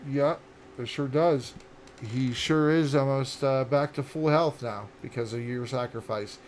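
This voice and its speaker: A man in his late thirties narrating as dungeon master, halting with fillers and restarts. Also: medium pitch, slight background noise. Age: late 30s. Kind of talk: narrating a tabletop game.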